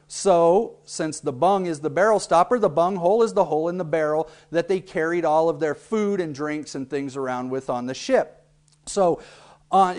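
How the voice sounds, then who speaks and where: A man hosting a local cable TV segment, explaining things in a playful, joking way. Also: a little high. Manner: jokey, playfully exaggerated delivery. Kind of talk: humorous explainer monologue.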